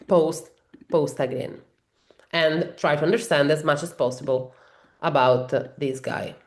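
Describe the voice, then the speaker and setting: A native Italian speaker from Italy, this woman software trainer demonstrates software in a webinar, explaining each step in her Italian accent with many fillers and restarts. Her voice is low, and the room sounds echoey.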